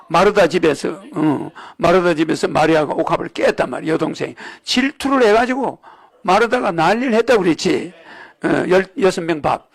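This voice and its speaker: In a lecture hall, a man with a high, gravelly voice delivers a rambling, sermon-like religious lecture, often checking with the audience by asking "you know what I mean?"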